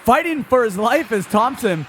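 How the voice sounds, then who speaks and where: High-voiced, excitable male hockey commentator. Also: normal speed, slight background noise. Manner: energetic, excitable calls with frequent filler restarts. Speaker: play-by-play commentator.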